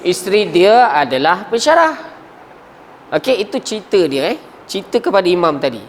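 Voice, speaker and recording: High-voiced Malaysian teacher quizzing his class. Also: big pitch swings, normal speed, a little hiss or hum. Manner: asks the class frequent questions, coughs and trails off mid-word. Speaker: Arabic grammar teacher. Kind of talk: classroom lesson.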